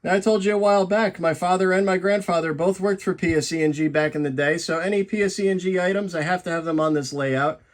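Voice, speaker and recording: Casual young man, high voice, enthusiastic collector chatting through his haul. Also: fairly even intonation, fast talker, few pauses. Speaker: model train vlogger. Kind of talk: casual show-and-tell vlog.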